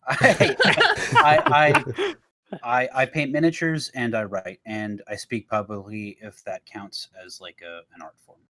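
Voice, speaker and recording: A man's voice: fairly low pitch, moderate pace, hardly any pauses, a bit bright, slight background noise. A man talking casually as a podcast guest, with a wry, self-mocking manner. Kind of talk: casual chat.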